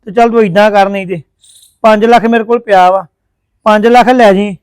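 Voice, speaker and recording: A man's voice: high voice, fairly even intonation, moderate pace, clean tone, no room sound. A man acting a placating brother-in-law in a family drama. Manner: placating, apologetic.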